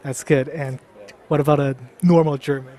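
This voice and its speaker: A man's voice: a little high, steady tone, normal speed, dark tone. A young man hosting a casual street interview vlog, asking questions. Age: young adult. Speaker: host interviewer. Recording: faint ambient noise.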